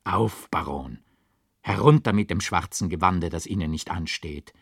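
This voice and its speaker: A man's voice: low-pitched, unhurried, husky, no echo, clean studio sound, pitched below the performer's own voice, exaggerated voice. A man reading the part of an earnest old man in an audiobook, coaxing and pleading, rising to fervent exhortation.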